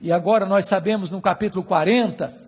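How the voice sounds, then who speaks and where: A middle-aged Brazilian man preaching a sermon, with emphatic, slowly stressed phrases and repeated rhetorical questions. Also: high voice, breathy edge, lo-fi sound. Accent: Brazilian Portuguese. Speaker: pastor. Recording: long hall reverb.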